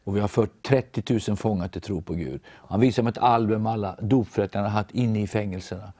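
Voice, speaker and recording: Norwegian guy telling his faith story, low dark voice, acts out the quotes. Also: no room sound. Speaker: guest storyteller.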